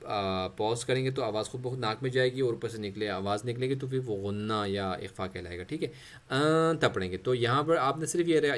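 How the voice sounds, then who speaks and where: A man, an Urdu speaker, teaching tajweed step by step, stretching out example words with nasal recitation. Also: mid-range voice. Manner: patient step-by-step explaining, modeling words with drawn-out nasal recitation.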